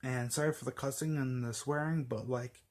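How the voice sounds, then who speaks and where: A man vents to his camera, mid-range in pitch. He rambles, stumbles over restarts and fillers, and swears freely. The anger stays on throughout. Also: steady tone, normal speed, a little mellow. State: angry. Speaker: vlogger. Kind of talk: casual ranting vlog.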